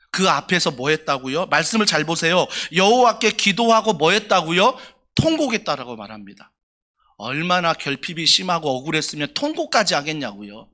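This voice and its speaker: Emphatic preacher with a lively, high voice. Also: male voice. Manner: emphatic, asks the congregation questions. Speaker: pastor. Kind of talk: sermon. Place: church sanctuary.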